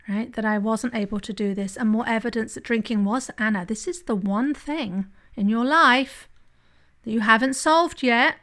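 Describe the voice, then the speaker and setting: A woman's voice: a little high, fairly bright tone. A woman hosting a solo podcast, talking candidly and confessionally, with frequent "right?" asides. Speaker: podcast host and drinking coach.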